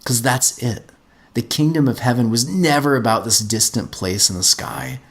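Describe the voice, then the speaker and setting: A man's voice: mid-range voice, normal speed. A middle-aged man, a podcast host, telling a personal story in an earnest way and often repeating words as he gets going.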